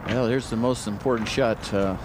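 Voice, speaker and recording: A male golf commentator analyses live play in a conversational, opinionated way. His pitch is average, and there is clear outdoor noise on the broadcast. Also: steady tone, moderate pace.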